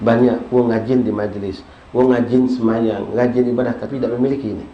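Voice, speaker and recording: A male preacher, giving a casual, storytelling religious study sermon and reciting Arabic verses slowly. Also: lo-fi sound. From Indonesia. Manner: lively storytelling, acts out scenes with sudden high-pitched bursts. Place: prayer hall. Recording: echoey prayer hall with faint background noise.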